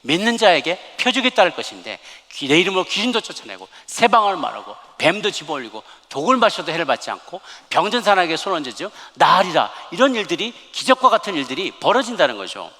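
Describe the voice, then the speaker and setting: Male pastor, sermon, emphatic storyteller, bright fairly high voice, long church reverb. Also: very animated, quick pace, hardly any pauses. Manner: emphatic storytelling with loud scripture reading. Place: church sanctuary.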